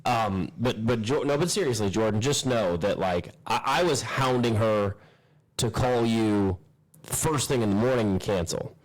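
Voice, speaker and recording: A man in his thirties co-hosting a casual home podcast at a kitchen table, talking in an animated, rambling way with many restarts. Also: lowish voice, a little slow, poor audio. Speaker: podcast co-host. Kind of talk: casual chat.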